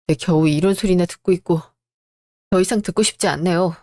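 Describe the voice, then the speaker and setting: A hardworking younger son worn down by years of family favoritism, voiced by a woman. He speaks bluntly, with steady bitterness. It is a close, dry radio-drama read. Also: on the low side, a little fast, dry recording, natural voice. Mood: bitter.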